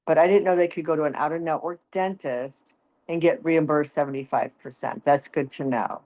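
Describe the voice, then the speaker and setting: A woman insurance agent from Illinois, chatting casually and asking quick clarifying questions while affirming often. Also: low-pitched, a little mellow. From Peoria, Illinois. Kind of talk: casual phone chat about plans.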